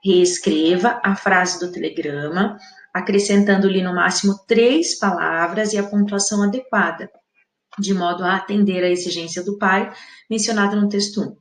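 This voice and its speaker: A woman's voice: mid-range voice, fairly even intonation, moderate pace, echoey room. A woman teaching an exam-prep lesson with a Brazilian Portuguese accent, explaining patiently and often checking in with the viewer.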